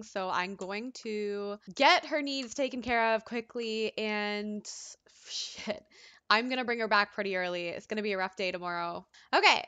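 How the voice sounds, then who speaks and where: A woman's voice: medium pitch, sharp tone, no room sound, lo-fi sound. A young woman casually commenting on a life-sim game she is playing, chatty and dramatic, sometimes voicing the game characters. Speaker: let's play host.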